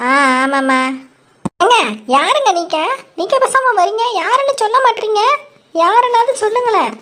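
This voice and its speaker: A woman voicing quarrelsome village women in a cartoon, scolding and bickering loudly. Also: very high voice, animated, normal speed, slight background noise. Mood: demanding. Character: squabbling village women, adult, loud and quick-tempered. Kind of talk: cartoon dub voice acting.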